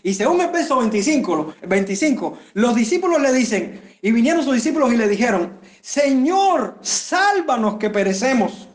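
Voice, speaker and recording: A man's voice: fairly quick, few pauses. A pastor preaching a sermon, speaking straight to his listeners and swinging his voice up and down for emphasis. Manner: expressive preaching, pitch rising and falling for emphasis; addresses listeners directly.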